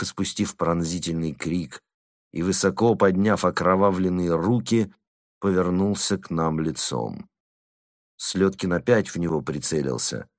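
A man narrating a classic novel with an expressive, dramatic reading. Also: low voice, no echo, clean studio sound. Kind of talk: literary audiobook narration.

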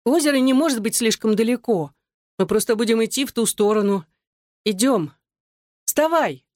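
A woman's voice: a little high, animated, normal speed, a little mellow, no room sound, studio quality, voice pushed up, lightly acted. A woman doing a scared, urgent girl. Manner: urgent, pushing. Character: scared, insistent young girl.

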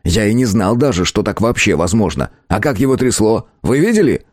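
Male reader as a gruff, barking curator, blunt and pushy, lively delivery. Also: fairly low pitch, brisk, dry recording, studio quality. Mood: angry amazed.

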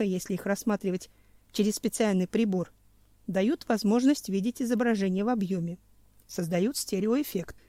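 A woman narrating an audiobook in an even, measured way. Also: mid-range voice, dry recording. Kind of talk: scripted narration.

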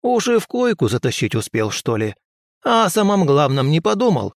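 Guy doing a bossy old witchy granny, scolding and cooing by turns, high and gravelly. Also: very animated, moderate pace, no echo, studio quality. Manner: scolding, folksy, cackling. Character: shrewd, bossy old village wise woman. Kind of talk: audiobook character voice.

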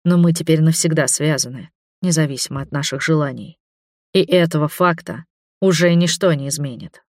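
A man narrating a fantasy audiobook in the first person, in an expressive, dramatic way. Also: on the high side, moderate pace, no room sound, clean studio sound.

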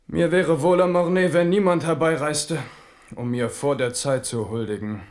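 A man with a slightly high, natural voice and fairly even intonation portrays an uneasy, self-doubting Renaissance king of France for a radio drama. His standard German comes at normal speed, delivered with brooding irony and a troubled mood.

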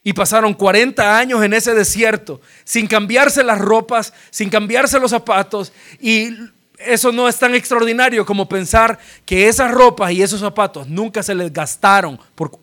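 A male pastor with a Salvadoran accent preaches a sermon and retells Bible stories with lively humor. His voice sits clearly high for a man, and his delivery is animated. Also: normal speed. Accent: Salvadoran Spanish.

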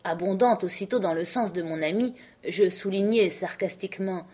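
A woman reading a classic novel aloud in a measured, composed narration. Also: mid-range voice, darkish tone, husky. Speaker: audiobook reader. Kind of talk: scripted narration.

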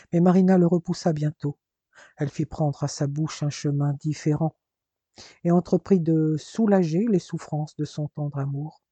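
A male audiobook narrator with a dark, mellow voice and a slight husky grain, pitched a little high. He reads steadily, close to the mic in a dry room. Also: no echo. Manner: steady storytelling read. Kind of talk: scripted narration.

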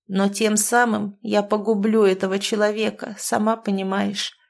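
Fields: woman reading the part of an old forest witch. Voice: hoarse, low-key, resigned. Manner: grumbling and quiet. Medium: storybook reading. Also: level tone, normal speed, natural voice.

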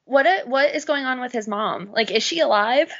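An excitable woman in a casual podcast chat, peppering her talk with fillers. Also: on the high side, moderate pace. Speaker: podcast co-host. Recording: dull lo-fi podcast audio.

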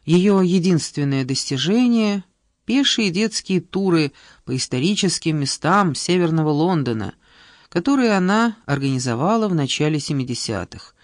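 A woman reading an audiobook, voicing a sharp-tongued, irritable middle-aged Englishwoman who speaks wryly and with exasperation. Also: sits low, no echo, clean studio sound. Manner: wry, exasperated.

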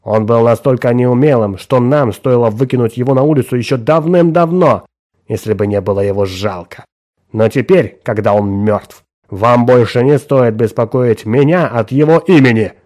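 A man's voice: medium pitch, moderate pace, darkish tone, close to an everyday voice. A man voicing a harsh, contemptuous boss woken at night, curt and barking. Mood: angry scorn.

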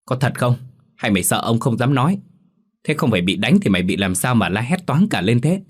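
A man voicing a furious middle-aged village mother who scolds in a shrill, sharp-tongued way, in a read-aloud ghost story. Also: big pitch swings, brisk, breathy edge. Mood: pressing.

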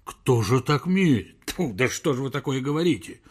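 A man voicing an irascible elderly male professor in a spoken storybook, shouting and indignant. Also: medium pitch, lively intonation, moderate pace, lightly acted.

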